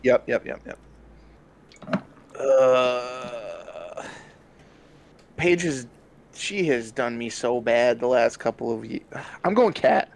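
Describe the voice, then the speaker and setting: A man's voice: medium pitch, animated, slow pace, creaky, long pauses. Rambling, chuckling male podcast host. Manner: rambling, hesitant, laughs often. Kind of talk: casual chat during a fantasy draft.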